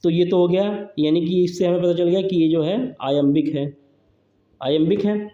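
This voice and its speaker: A man's voice: high-pitched, fairly even intonation, moderate pace, warm tone. A man teaching English poetry meter for exam preparation, who repeats each term and keeps checking in with his students. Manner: repetitive, drills terms aloud, says "ठीक है दोस्तों" often. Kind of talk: exam-prep lecture. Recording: echoey room, dull lo-fi sound.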